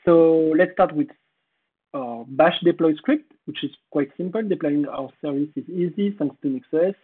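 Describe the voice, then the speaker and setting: Hoarse man with a French accent. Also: on the high side. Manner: halting, searching for words with pauses. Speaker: conference speaker. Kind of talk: technical conference presentation. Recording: tinny phone-like audio.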